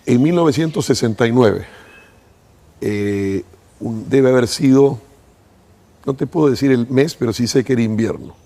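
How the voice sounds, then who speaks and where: A man's voice: medium pitch, normal speed, long pauses, mellow. A man, an interview guest thoughtfully reminiscing about his life at length. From Peru. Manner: thoughtful, reminiscing, speaks in first person at length. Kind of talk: reflective interview storytelling.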